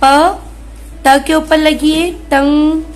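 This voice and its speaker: A woman's voice: high-pitched, fairly even intonation, extremely slow. A woman teaching a recorded lesson to small children, patiently asking and answering her own questions and stretching out each word before repeating it. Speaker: kindergarten Hindi teacher.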